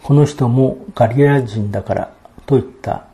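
A male pastor delivering a sermon in a steady, explanatory manner. He reads scripture passages aloud and then unpacks them. His voice has a soft, mellow warmth at an ordinary pitch. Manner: measured expository preaching, reading out Bible verses.

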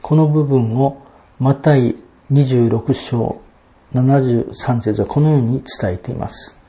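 Mellow-voiced male preacher. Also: medium pitch, fairly even intonation. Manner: measured expository preaching, reading out Bible verses. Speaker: pastor. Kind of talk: sermon.

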